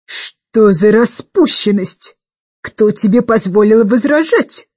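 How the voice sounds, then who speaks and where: Domineering older governess, loud and slow, barks every order, put on by a woman narrator. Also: medium pitch, lively intonation, no echo, muffled recording.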